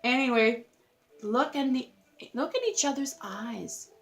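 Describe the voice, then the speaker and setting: A woman's voice: on the high side, unhurried. A woman giving a casual tarot reading to her viewers, chatty and effusive, filling her talk with "like" and laughing at herself. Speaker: tarot reader.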